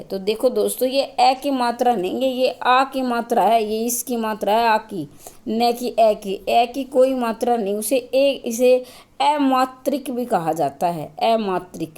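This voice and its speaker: A woman's voice: on the high side, a little mellow. A woman teacher giving a grammar lesson, explaining step by step, asking and answering her own questions, and repeating key points to her students. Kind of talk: classroom-style grammar lesson.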